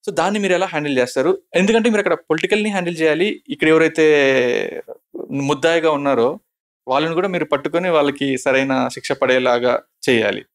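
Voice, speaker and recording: A man's voice: on the high side, quick pace. A male interviewer asking long, respectful, probing questions.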